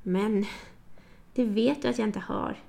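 A woman's voice: medium pitch, gravelly, mellow. A woman voicing Klara, a cautious young woman who asks hesitant, probing questions, in an audiobook. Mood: doubtful.

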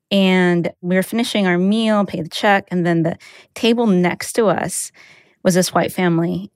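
The recording is clean, studio-grade, and echo-free, carrying a woman's lowish voice. An American from the United States who first spoke Mandarin, she relates something from her own life in a relaxed, informal style filled with "like" and "you know."

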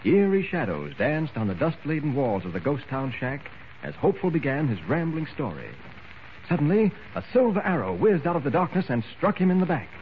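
Male narrator, old radio show, animated delivery, thin tinny sound. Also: fairly high pitch, fairly quick. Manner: dramatic storytelling narration. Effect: old radio show broadcast. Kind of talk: 1940s radio drama narration. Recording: thin, phone-like old radio recording with faint hiss.

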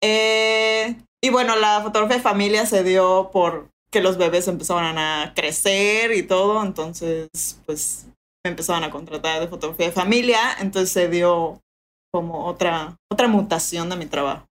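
A woman's voice: lowish voice, fairly even intonation, moderate pace. Chatty Yucatecan woman podcast guest. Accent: Yucatecan Mexican Spanish. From Yucatán, Mexico. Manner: chatty, thoughtful, hesitant with fillers. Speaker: guest, birth photographer. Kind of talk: casual interview chat.

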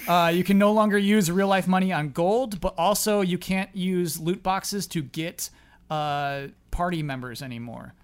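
A man with a notably high speaking voice hosts a gaming podcast. He talks in a casual, conversational style and also reads out quiz questions for the others. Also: normal speed, clear, resonant tone. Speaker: podcast host and quiz reader.

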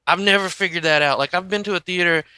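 A man's voice: high-pitched, quick pace, bright, forceful tone, clean tone, dry recording. A man telling a casual story as a podcast guest, rambling through many asides.

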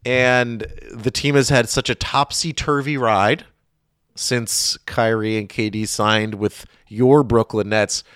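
A man's voice: mid-range voice, steady tone, slow pace, a bit bright, clean tone, dry recording, clean studio sound. A man co-hosting a sports podcast, talking things through casually with fillers and restarts. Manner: conversational, thinking aloud with fillers. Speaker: podcast co-host.

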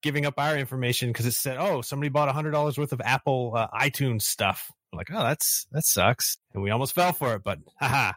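A married man in a relaxed panel chat, talking in an easygoing, jokey way. His mic is peaking badly, so every phrase comes through distorted and crackling. The sound is dry and close, with no room behind it. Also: medium pitch, fast, few pauses, no room sound. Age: adult, married. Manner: joking, easygoing warnings. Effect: clipping, garbled, crackling mic audio. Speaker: podcast co-host.

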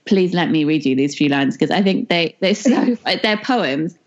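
A woman's voice: on the low side, animated, moderate pace. A woman chatting enthusiastically in an interview, rambling and correcting herself as she goes. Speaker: guest. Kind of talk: casual interview chat. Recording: dull, muffled audio.

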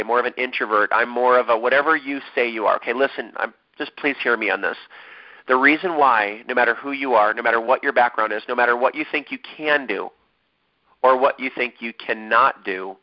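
Emphatic man coaching on a lo-fi call. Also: medium pitch. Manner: emphatic, repetitive, urgent. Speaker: network marketing coach. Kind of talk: motivational webinar talk. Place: home.

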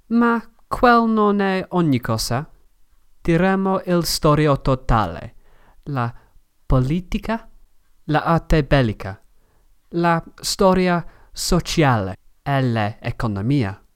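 English guy hosting a podcast, strong english accent in italian, native english speaker, slow halting scripted read, clear voice. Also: on the high side, expressive. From Manchester, England. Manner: halting, learner's phrasing and pronunciation. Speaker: podcast host and historian.

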